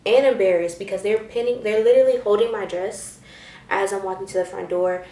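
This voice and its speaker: A woman's voice: mid-range voice, brisk, roomy sound, far from the mic. A young woman vlogger telling a story in casual slang, acting out what people said in a raised voice. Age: young adult. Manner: animated, slangy, acts out quotes in a raised voice.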